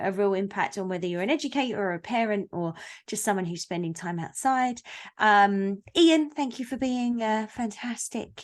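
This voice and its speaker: A woman hosting an online book launch over a video call, chatty and playful, teasing the audience and owning up to being a stickler for the rules. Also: medium pitch. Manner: self-described stickler for rules. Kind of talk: casual chat on a video call. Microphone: video call mic.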